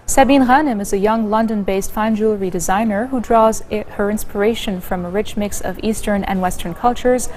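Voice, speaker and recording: A woman news anchor reading scripted bulletins in a steady, measured way. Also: medium pitch, slight background noise.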